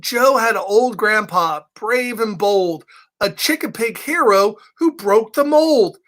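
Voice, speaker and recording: Reading to children on a casual livestream, a man talks to his young listeners directly and keeps the chat playful. He speaks slowly in a high, expressive voice that's a bit bright.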